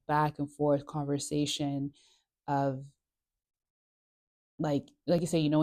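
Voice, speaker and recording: A woman's voice: low-pitched, mellow. A woman hosting a casual Bible study chat, chatty and rambling, laughing often with lots of fillers. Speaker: host of a Bible study channel.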